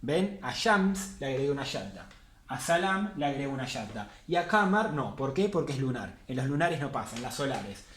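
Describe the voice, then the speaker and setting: A man's voice: medium pitch, big pitch swings, normal speed, fairly bright tone, slight background noise. A man teaching a language class, patiently repeating key points for emphasis. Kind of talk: classroom lesson. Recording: echoey room.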